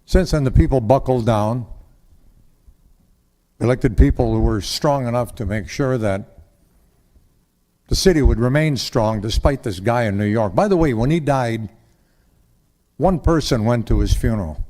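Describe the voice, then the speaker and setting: A man's voice: mid-range voice, unhurried, pauses often, warm tone. Older man, folksy rambling speaker at a council lectern mic. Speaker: public commenter at council meeting. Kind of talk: public comment speech.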